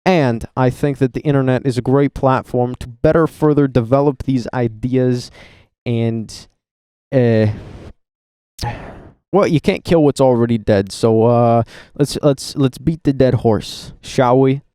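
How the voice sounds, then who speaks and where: A man delivers a loose, sarcastic voice-over, swearing freely and wandering between thoughts. His voice is dark and mellow, with a smooth, clean tone. The sound is close and dry. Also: medium pitch, unhurried, no echo. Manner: rambling, profane, sarcastic. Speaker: commentary YouTuber. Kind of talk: casual reaction voice-over. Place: voice-over recorded at a computer.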